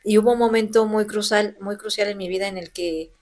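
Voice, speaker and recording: A woman's voice: mid-range voice, fairly quick. Earnest woman telling her story. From Mexico. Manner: earnest, animated, acts out quoted voices. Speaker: interview guest, elected local legislator. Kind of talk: conversational interview, personal story.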